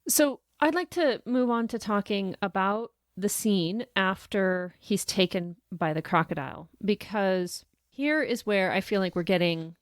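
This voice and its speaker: A woman's voice: mid-range voice, a little slow, few pauses, dry recording, studio quality. Thoughtful woman discussing a story. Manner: thoughtful, reads quotes aloud. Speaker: podcast co-host. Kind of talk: casual book discussion.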